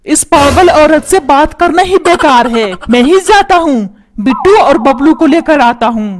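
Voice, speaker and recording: A woman's voice: high-pitched, lively intonation, a little slow, crowd noise. A woman voicing a grumpy old cartoon dad. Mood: lamenting. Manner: complaining, scolding. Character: grumpy put-upon old husband and father. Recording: music playing behind.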